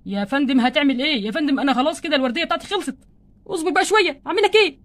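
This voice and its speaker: A woman's voice: high voice, very fast, a bit bright. Woman voicing a polite Egyptian waiter doll. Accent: Egyptian Arabic. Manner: formal, polite address. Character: polite but impatient male restaurant waiter. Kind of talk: doll play-acting.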